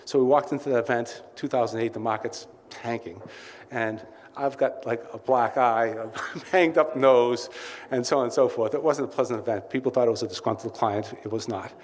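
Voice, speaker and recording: Speaking at a moderate pace in a mid-range voice, a man opens a client event as its CEO with candid anecdotes and frequent asides. The room echoes, and faint ambient noise can be heard.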